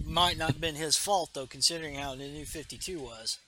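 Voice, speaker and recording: A man chatting casually on a podcast, retelling a comic book issue with animated energy. His voice is sharply bright and sits a little high, and he slips into the characters' lines as he goes. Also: brisk. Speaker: podcast co-host.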